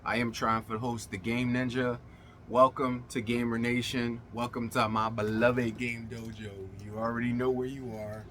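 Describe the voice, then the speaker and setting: Addressing his viewers in a casual gaming vlog, a middle-aged host talks like an emphatic, slangy showman, slightly slurring as if from a swollen mouth. The medium-pitched voice is fairly bright but flat in delivery, at normal speed, with a bit of background noise.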